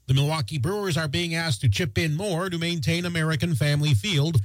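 A man's voice: a little high, darkish tone, dry recording, poor audio. A man reading a scripted radio news bulletin in a matter-of-fact way. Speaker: news anchor.

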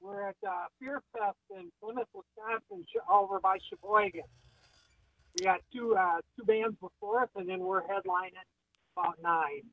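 A man in a band calling into a radio show on speakerphone, talking haltingly and apologizing. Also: very high-pitched, animated, vocal fry, dry recording. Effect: heard over speakerphone. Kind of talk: casual radio phone interview. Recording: dull lo-fi phone line.

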